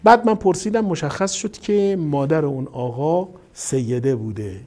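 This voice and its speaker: A male cleric preaches to his listeners, telling a story and slipping into the voices of the people in it. His voice sits a little high but sounds mellow and dark. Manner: animated storytelling, voicing quoted people. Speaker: caravan cleric. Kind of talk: sermon with storytelling.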